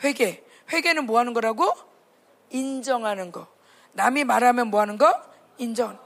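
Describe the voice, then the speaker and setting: A woman preaching to a youth camp, her voice high and edged with gravelly fry. She speaks emphatically and keeps asking her young listeners questions. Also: normal speed. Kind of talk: sermon.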